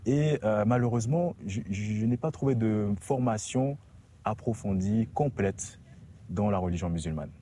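A young man from French Guiana speaks about his path as a student, calm and reflective. His voice is low and mellow, with faint background noise around it. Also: normal speed. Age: young adult. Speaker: student interviewed in a report. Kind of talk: reflective personal account.

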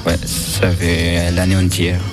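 A man in his twenties from Sudan, a language student, answering slowly and searching for words. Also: deep voice, monotone, over music. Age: 20s. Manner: slow, halting, searching for words. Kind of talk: street interview.

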